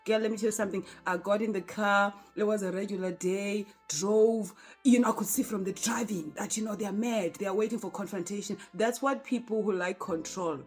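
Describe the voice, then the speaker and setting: A woman's voice: medium pitch, fairly even intonation, a little fast, a little mellow, slightly rough, faint music behind. A South African woman telling a personal story in a casual vlog. She talks straight to her viewers and laughs often.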